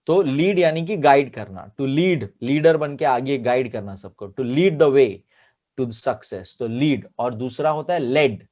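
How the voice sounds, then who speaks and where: A man's voice: mid-range voice, darkish tone. A young adult man teaching a grammar lesson. He repeats key points and switches between Hindi and as he explains. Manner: explains with repetition, mixing Hindi and English.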